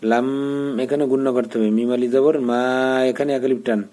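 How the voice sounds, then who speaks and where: A man's voice: mid-range voice, steady tone, mellow. A man teaching Quran recitation, patiently spelling out each letter and vowel mark and giving pronunciation pointers. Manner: patient, repeats syllables slowly, gives pronunciation pointers.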